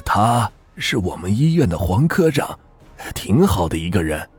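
A man voicing a cheerful, eerie old morgue keeper gone mad, in a folk ghost story, with a husky, theatrical storyteller's cadence. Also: on the low side, big pitch swings, a little slow, dry recording, soft background music, full character voice. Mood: eerily cheerful.

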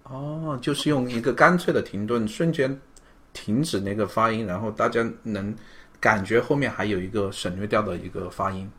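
A man's voice: lowish voice, moderate pace, fairly bright tone, slight background noise. A man hosting an interview, curious, asking questions and echoing his guest. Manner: curious, echoes the guest's words. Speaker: host. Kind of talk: interview chat.

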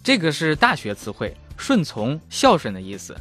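A man's voice: fairly high pitch, huge pitch swings, moderate pace, a bit bright, faint music behind. A man in his thirties hosting a casual language lesson, chatty and self-mocking. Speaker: German language teacher and host.

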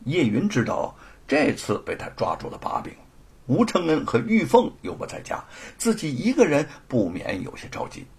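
A man narrating a traditional spoken story in a dramatic, animated way. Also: a little high, normal speed, vocal fry, husky.

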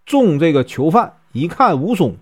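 Male storyteller, Northeastern Mandarin accent, chatty and animated. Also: a little high, husky. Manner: chatty, with many drawn-out fillers. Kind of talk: casual storytelling.

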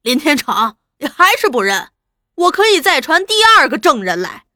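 A woman voicing a bullying male interrogator who shouts domineering threats. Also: high voice, sing-song, moderate pace, no echo, clean studio sound, voice pushed up, heavily acted. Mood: pressing.

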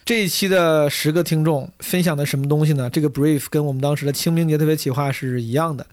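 Male, podcast host, gravelly hoarse voice, slightly high pitch, casual monologue, dry close sound. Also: steady tone, fast talker, no echo. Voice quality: gravelly, husky. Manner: chatty, addresses listeners directly. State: hoarse, tired voice from hours of talking.

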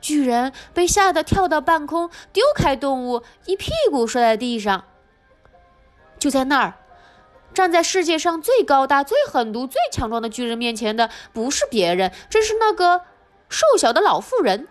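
A woman reading a children's picture book aloud with expressive, animated storytelling. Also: sits high, moderate pace, soft background music.

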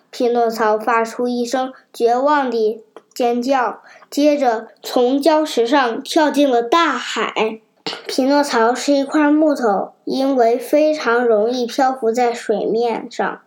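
A woman reading a children's storybook aloud in a steady, clear voice, with small slips. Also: fairly high pitch.

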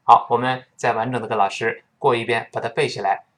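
A man teaching English pronunciation in Mandarin Chinese, who drills each phrase slowly and repeats it for his students to say back. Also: medium pitch, fairly even intonation, a bit bright.

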